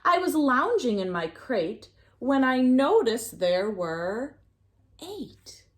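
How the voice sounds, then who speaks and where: With a high voice, this woman performs a lively, sing-song picture-book reading for little kids, pausing at moments to prompt the audience.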